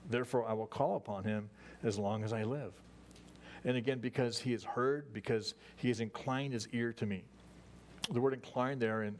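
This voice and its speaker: Folksy conversational male pastor. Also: medium pitch. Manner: conversational, folksy, with many restarts. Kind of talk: sermon. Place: church service.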